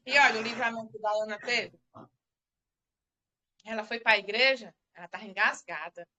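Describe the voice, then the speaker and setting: Over some background noise, a middle-aged woman with a slightly high voice speaks at a normal pace. She's a church member giving her testimony on a live stream, wandering and circling back over the same points as she tells it.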